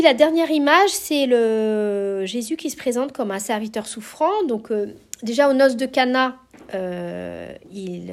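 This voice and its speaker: A woman leads a Bible study, talking through scripture in a loose, unscripted way. She hesitates often and restarts her sentences as she goes. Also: mid-range voice. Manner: hesitant, many fillers and restarts. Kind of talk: informal Bible teaching.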